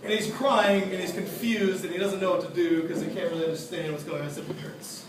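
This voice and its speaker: A man's voice: high-pitched, steady tone, fast, noisy background. A young man in his twenties, the son at his father's birthday party, giving a humorous speech full of anecdotes and laughing often as he tells them. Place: party room. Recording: echoey room, distant mic, loud crowd.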